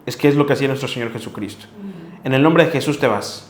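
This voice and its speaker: A man's voice: medium pitch, quick pace. A man preaching a sermon, reading Bible verses and earnestly scolding his listeners. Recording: echoey room.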